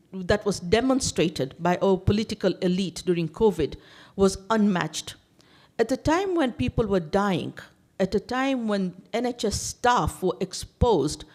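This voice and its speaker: A woman's voice: fairly high pitch, a little mellow. Emphatic woman giving a campaign speech. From Tanzania. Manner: emphatic, piles up lists and repeats words when stressing a point. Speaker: election candidate. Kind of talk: campaign speech to a seniors' gathering. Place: community main hall.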